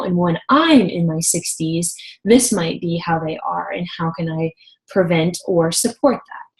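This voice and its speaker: A woman's voice: on the low side, poor audio. A woman in her thirties giving a recorded university lecture, explaining steadily and engagingly with the odd light laugh. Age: 30s.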